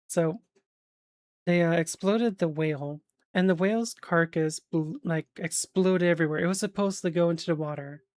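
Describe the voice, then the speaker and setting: This low, somewhat dark female voice belongs to a streamer chatting casually. She rambles with plenty of fillers and the occasional swear, checking facts out loud along the way. The recording is dry.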